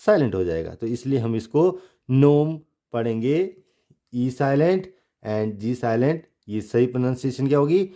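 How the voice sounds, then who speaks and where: A man's voice: mid-range voice, very animated, normal speed, warm tone. A man teaching pronunciation step by step. He spells words out letter by letter and asks questions that he then answers himself. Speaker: English teacher.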